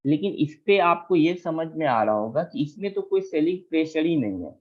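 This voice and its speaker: A man's voice: fairly high pitch, big pitch swings, moderate pace. A man teaching a chart lesson, patient, repeating key terms and asking if anyone is confused. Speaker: trading teacher. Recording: tinny phone-like audio.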